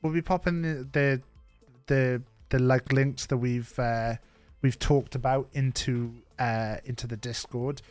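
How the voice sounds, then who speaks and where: A man's voice: mid-range voice, steady tone, a little slow, a little mellow, dry recording, faint music behind. Welsh man joking on a stream. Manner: joking, rambling with fillers. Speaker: streamer host. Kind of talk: casual chat on a live stream. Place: home streaming setup.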